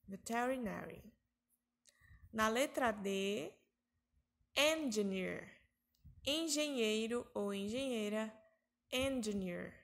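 A woman from Brazil with a Northeastern Brazilian accent, teaching an online English lesson to young children and drawing out each word in slow repetition drills. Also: mid-range voice. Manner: slow, drawn-out pronunciation drills with exaggerated intonation.

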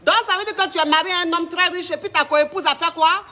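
A man's voice: very high-pitched, fairly even intonation, quick pace, sharp tone. A man hosting a comic call-in show as a flamboyant, bossy self-styled coach who mixes broken English with French.

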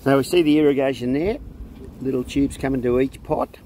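A man's voice: medium pitch, brisk. A man with an Australian accent filming a farm tour, asking casual, curious questions and often answering with repeated yeahs. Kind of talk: casual chat. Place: outdoors on a farm, then inside a car. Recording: outdoor phone recording with loud background noise.

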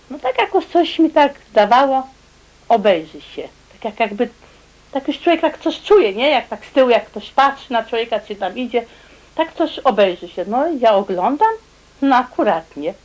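An older woman giving a halting, repetitive account of events to an interviewer. She keeps adding tag questions. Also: a little high, very animated, a little mellow, poor audio. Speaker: crime witness. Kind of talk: rambling recollection in an interview.

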